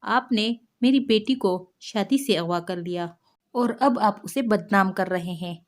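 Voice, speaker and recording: A woman's voice: medium pitch, natural voice. A woman voicing a resentful middle-aged noblewoman and mother who speaks bitterly. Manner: bitter, complaining.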